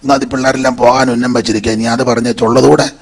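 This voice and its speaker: A man pastor with a Malayali accent preaching a sermon, with a blocked throat and an animated, listing delivery. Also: medium pitch, quick pace, breathy edge. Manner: animated preaching with lists and asides to the congregation.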